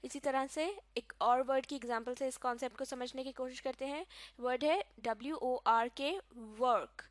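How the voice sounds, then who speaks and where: A woman from Pakistan teaches English grammar in a recorded lecture, explaining patiently step by step and spelling words out letter by letter. Her voice is high-pitched, with no echo.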